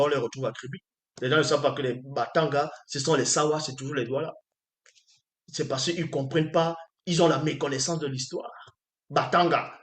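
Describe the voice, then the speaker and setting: A man's voice: medium pitch, roomy sound. A man giving an emphatic spiritual teaching, often pressing his listeners with rhetorical questions. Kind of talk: preaching lecture.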